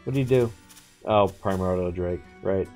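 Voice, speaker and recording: A man's voice: low-pitched, normal speed, mellow, soft background music. A man live-streaming a game, chatting and commenting casually with slangy, sweary speech.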